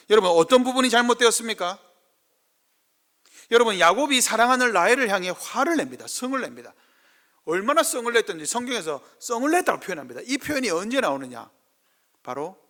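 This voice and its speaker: A man's voice: high-pitched, pushed and bright. A middle-aged male pastor with a Gyeongsang Korean accent preaching a sermon, acting out quoted speech in dialect.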